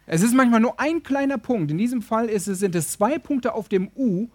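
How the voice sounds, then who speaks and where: High-voiced lively preacher man. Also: moderate pace, dry recording. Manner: lively storyteller, acts out voices. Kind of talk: sermon with storytelling.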